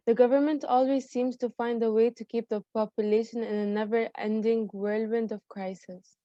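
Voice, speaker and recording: A woman reads a scripted introduction and puts questions to interviewees in a measured, even manner. Her voice is warm and dark, slightly raised in pitch. The recording is dull, lo-fi and dry, with no room sound. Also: no room sound. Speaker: interviewer and narrator.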